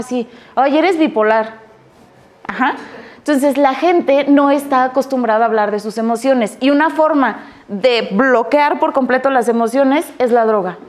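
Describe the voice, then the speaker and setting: A young adult woman psychologist with a Mexican Spanish accent, giving a lively addiction-prevention workshop to teachers and acting out quoted voices. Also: on the high side. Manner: animated, acts out quoted voices, frequent "ajá" and "ujú".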